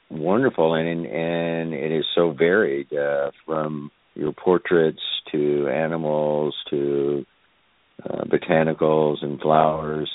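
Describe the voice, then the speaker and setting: A man hosting an interview, speaking in an encouraging, soft-spoken way. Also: extremely low pitch, no echo. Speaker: host. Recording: tinny phone-line audio.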